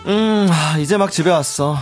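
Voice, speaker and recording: A man's voice: on the high side, normal speed, faint music behind, close to an everyday voice. Man playing a tired, hesitant boyfriend. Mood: weary. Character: tired young boyfriend, mild and evasive.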